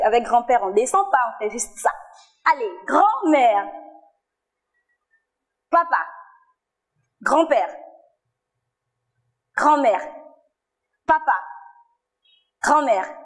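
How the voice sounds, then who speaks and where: A woman leads a children's church lesson, calling out words for a sign language game. Her voice sits high, and she speaks very slowly and patiently. She praises the children often and encourages them warmly. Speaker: children's Sunday school teacher. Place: church TV studio.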